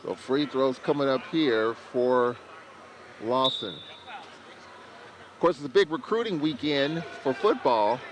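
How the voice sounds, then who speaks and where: Slow-talking man calling basketball play-by-play. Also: mid-range voice. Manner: excited calls on big plays. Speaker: play-by-play announcer. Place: college basketball arena. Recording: crowd and arena noise behind.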